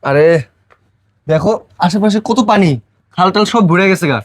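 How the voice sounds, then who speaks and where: In an amateur short film drama, a man plays a frantic village father who has come home after a long time away, speaking in a very high voice. Worried and distraught, he shouts, accuses, and pleads at a moderate pace, with no echo.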